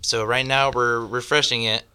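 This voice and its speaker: Bright, clear-voiced hesitant young man. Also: mid-range voice, fairly even intonation, normal speed. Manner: hesitant, many fillers, short answers. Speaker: guest, amateur racer. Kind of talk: casual radio interview.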